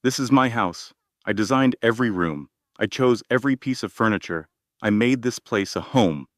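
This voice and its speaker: A man voicing a desperate, pleading young pregnant wife in a dramatic storybook narration, his pitch lifted high as she begs and cries out. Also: normal speed, dry recording, studio quality, lightly acted. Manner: pleading, rising to screams.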